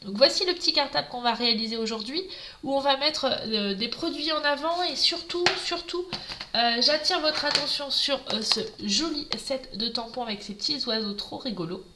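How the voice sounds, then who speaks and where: A woman's voice: high-pitched, normal speed, heavy background noise. A woman from Normandy leading a live papercraft tutorial, chatting and greeting viewers by name as she works at her craft table. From Normandy, France. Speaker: craft demonstrator.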